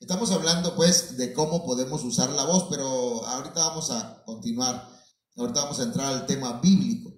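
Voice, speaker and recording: A man from Mexico, a preacher, giving a teaching talk to his congregation, unhurried and full of fillers, often calling his listeners brothers. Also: medium pitch, a little mellow. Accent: Mexican Spanish. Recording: very echoey room.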